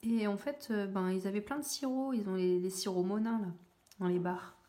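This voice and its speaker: A woman's voice: medium pitch, moderate pace, dark tone. Young woman chatting while she colors, lots of euh and restarts, echoey room. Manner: rambling, many fillers and self-corrections, laughs at herself. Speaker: coloring YouTuber. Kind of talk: casual chat while coloring.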